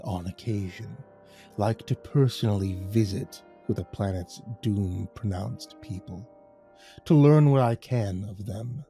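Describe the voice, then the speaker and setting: A man voicing a cold, contemptuous alien emissary from the stars, speaking in slow, measured pronouncements through a metallic voice filter. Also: lowish voice, warm tone. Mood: condescending. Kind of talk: audiobook narration.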